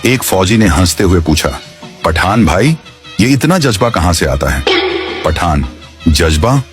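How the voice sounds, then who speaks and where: A man narrating a joke in a steady storytelling manner. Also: deep voice, a little slow, soft background music.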